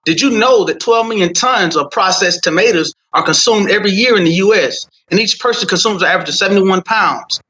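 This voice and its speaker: A man delivering a rehearsed, confident startup pitch as a founder, with rhetorical questions in a salesman-like way. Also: a little fast, few pauses, bright, forceful tone, poor audio.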